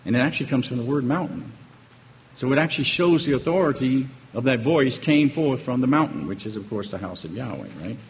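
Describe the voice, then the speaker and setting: Animated preacher man in an echoey hall. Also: mid-range voice, fairly quick. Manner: emphatic, rhetorical questions, frequent "okay?" and "right?". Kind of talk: sermon. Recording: echoey hall with faint ambient noise.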